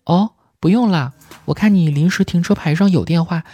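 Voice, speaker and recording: A man's voice: a little high, moderate pace, voice pushed up, natural voice. A man voicing a sweet, clever young woman in a raised, lilting voice. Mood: coy. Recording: music bed behind voice.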